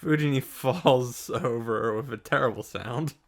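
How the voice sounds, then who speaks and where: With music in the background, a gaming YouTuber speaks at a measured pace in a medium-pitched voice with vocal fry. He recaps a visual novel as commentary, throwing in sarcastic, sweary, exclamatory asides.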